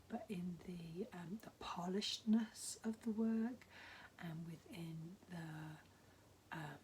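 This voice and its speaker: Hoarse, husky woman half whispering. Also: medium pitch, warm tone, slight background noise, rough recording. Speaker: mentor. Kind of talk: casual advice vlog.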